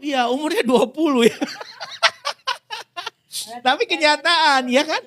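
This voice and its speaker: A man preaching a sermon in a casual, playful way, acting out quick quotes and laughing along. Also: extremely high pitch, expressive, bright, forceful tone. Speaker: pastor.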